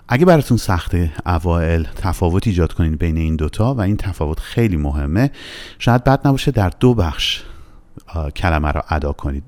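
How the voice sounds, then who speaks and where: In a recorded Russian lesson taught in Persian, a patient male teacher explains the letters and sounds out example words slowly and deliberately. His very low, dark, mellow voice rises and falls a great deal as he stresses points. The recording is dry and clean, with studio sound.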